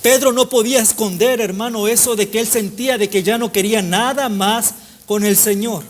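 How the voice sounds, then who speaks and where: A man preaching a sermon to his congregation, in a repetitive cadence that falls softer at the end of each phrase. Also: high voice, steady tone, moderate pace. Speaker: pastor.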